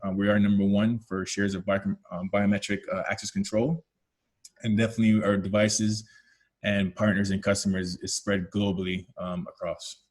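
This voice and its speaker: With a fairly low, darkish voice, this man leads a product webinar as its technical lead, speaking with a Canadian accent. He explains things one step at a time, full of fillers and frequent self-corrections.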